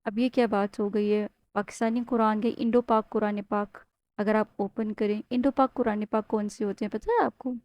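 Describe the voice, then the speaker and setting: A woman from Pakistan, teaching Quran recitation step by step. She explains patiently, often checks in with the learner, and slowly chants Arabic words as models. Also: mid-range voice, fairly even intonation, darkish tone, no echo. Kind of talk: step-by-step Tajweed lesson.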